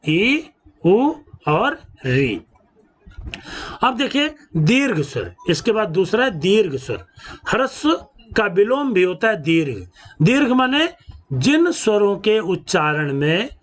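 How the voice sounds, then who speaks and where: A man teaching a grammar lesson, drawing out each sound slowly as he explains. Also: high-pitched, fairly bright tone. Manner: slow, drawn-out teaching delivery with stretched sounds. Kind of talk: classroom lesson.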